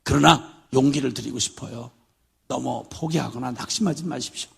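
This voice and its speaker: Man, older, preacher, sermon, humorous storytelling, gravelly, very husky. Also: medium pitch, a little fast. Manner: storytelling with humor, acting out his father's drunken shouts. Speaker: missionary preacher.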